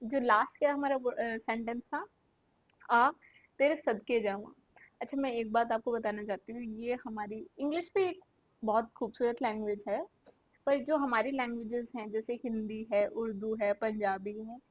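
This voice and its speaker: A woman with a fairly high voice teaches English idioms through Hindi explanations. She says each example sentence slowly and with careful spacing. The sound is dry and close, with little room echo.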